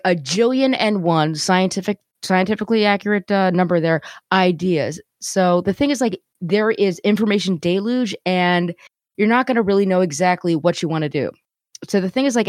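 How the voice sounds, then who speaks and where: A woman's voice: medium pitch, no echo, studio quality. A woman co-hosting a podcast in casual chat, rambling with lots of "the thing is, like.". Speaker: podcast co-host.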